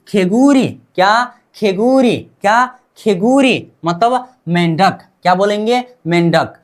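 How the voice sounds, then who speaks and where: A woman teaching a language class, repeating sounds and asking and answering her own questions. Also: mid-range voice. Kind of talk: classroom-style language lesson.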